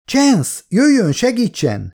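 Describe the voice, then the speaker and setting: A man voicing a desperate young woman scientist, with high-pitched cries and pleas in an audiobook. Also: huge pitch swings, darkish tone, husky.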